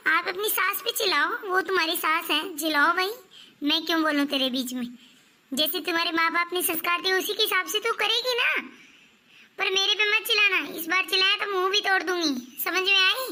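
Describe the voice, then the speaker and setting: A woman playing a sharp-tongued, defiant young daughter-in-law in a family comedy skit, scolding and threatening. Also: very high-pitched, brisk, heavily acted.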